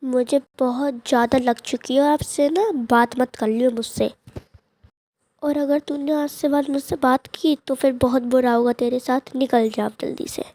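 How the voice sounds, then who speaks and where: Brief: woman doing a sulky, threatening boy, high-voiced, in a game roleplay voiceover. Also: steady tone, moderate pace, warm tone, a little hiss or hum. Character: hurt angry boy refusing his friend.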